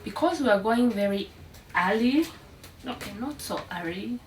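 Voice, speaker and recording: A young mother from Uganda talks to her viewers in a relaxed, chatty way, sounding worn out after a long day. Her voice sits a little high and comes from a step away from the mic. The room gives it some echo, with steady noise underneath. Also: normal speed. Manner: affectionate, chatty, addresses viewers as guys. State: tired. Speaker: vlogger mother of twins. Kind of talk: casual family vlog. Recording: echoey, distant, noisy.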